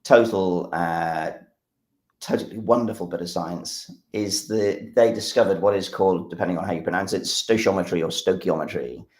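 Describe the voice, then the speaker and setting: A man's voice: deep voice, normal speed, darkish tone, reverberant. An English man explaining a science demonstration during a live stream. He talks with enthusiasm, rambles, and uses a lot of fillers. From England. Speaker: science educator.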